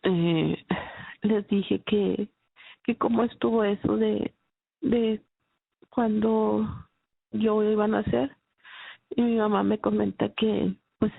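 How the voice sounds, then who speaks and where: A woman giving a halting, emotional personal faith testimony, with many restarts. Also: medium pitch, creaky, husky, no room sound. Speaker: testimony speaker. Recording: dry, phone-like narrow sound.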